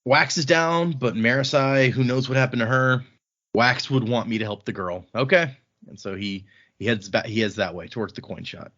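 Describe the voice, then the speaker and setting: Chatting casually through a book recap, a podcast host with a medium-pitched, fairly bright voice goes over a novel at normal speed. He adds dry, colloquial remarks as he goes. The recording is somewhat dull and lo-fi.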